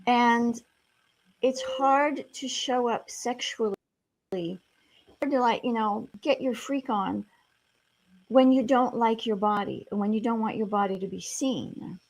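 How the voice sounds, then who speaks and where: A woman's voice: on the high side, slow pace. A middle-aged woman from France with an American accent, a therapist talking frankly and reassuringly in a casual interview, with many "you know" fillers. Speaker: sex therapist guest.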